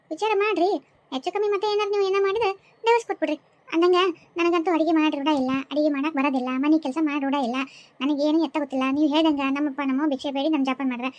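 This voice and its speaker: Sly young daughter-in-law for a cartoon, played by a woman: high, quick, smug, North Karnataka accent. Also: no echo, natural voice. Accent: North Karnataka Kannada. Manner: smug, teasing.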